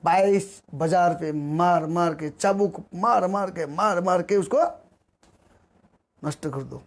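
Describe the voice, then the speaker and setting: High-voiced man preaching a devotional sermon. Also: slow pace. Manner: acts out quoted voices with dramatic shifts in pitch and pace.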